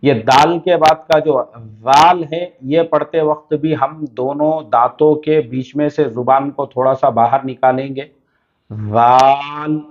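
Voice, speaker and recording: An Indian teacher patiently walks beginners through reading Arabic letters in Urdu, drawing out each sound. His voice is a little high, with fairly even intonation and few pauses. The audio is dull.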